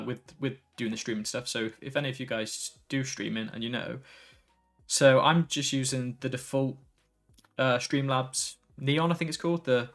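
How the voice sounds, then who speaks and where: A man chatting casually on a live tech stream, relaxed and a little tired, reading viewer comments aloud and drifting between topics. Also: mid-range voice, vocal fry. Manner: relaxed, tired, easily sidetracked, reads chat aloud.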